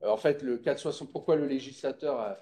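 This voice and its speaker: A little fast and at medium pitch, this man's mellow, soft-edged voice carries his presentation at a public meeting. He teaches in a relaxed way, speaking straight to the audience and confirming they understand.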